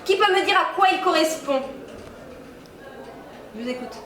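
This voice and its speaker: High-voiced woman lecturing grandly on stage. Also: lively intonation, normal speed, a bit bright. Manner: grandiose, indignant, laughing often. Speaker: hypnotized stage volunteer. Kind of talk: lecturing as a self-proclaimed physicist. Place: stage in front of an audience. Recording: echoey room, mic far off, audience noise.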